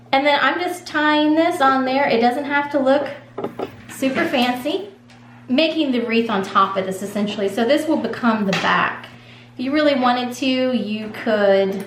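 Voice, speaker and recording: A woman with a fairly high voice talks viewers through a craft project in a relaxed, chatty way. Her voice rings in an echoey room, with a faint hum underneath. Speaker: craft tutorial host. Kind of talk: casual step-by-step craft demonstration.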